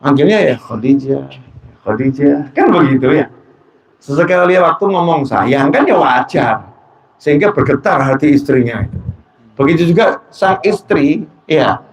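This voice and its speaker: A man preaching a religious sermon to a gathering, animated, swinging between soft and loud delivery with playful asides. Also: on the high side, normal speed, slight background noise, poor audio. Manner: acts out quoted lines in dramatized voices.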